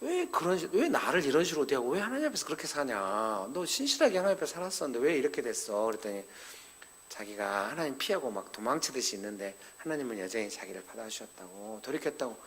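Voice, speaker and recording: A male pastor delivering a sermon as a conversational story. He slips into short bits of acted dialogue and turns to address the older members of the congregation. His voice sits at an ordinary middle pitch for a man. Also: big pitch swings, fast, fairly bright tone. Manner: addresses the elderly congregation directly. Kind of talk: sermon at a parents' seminar.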